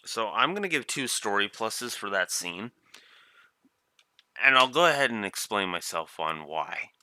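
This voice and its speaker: A man streaming a game, giving casual, rambling commentary with lots of restarts and animated asides. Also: on the low side, measured pace, clear, resonant tone, dry recording. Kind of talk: casual let's-play commentary.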